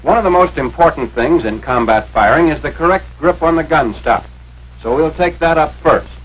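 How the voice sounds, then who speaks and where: Reading scripted narration for a 1940s military training film, an American man speaks in an authoritative, instructional way at normal speed. His voice is husky, animated and on the high side, heard on a vintage film soundtrack with poor audio.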